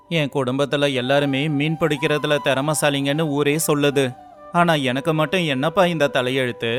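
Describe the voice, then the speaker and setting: A man's voice: on the high side, a bit bright, lightly acted. A man voicing a poor young fisherman who laments earnestly and tearfully in a storybook tale. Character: poor young fisherman, despairing yet kind. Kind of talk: storybook voice acting.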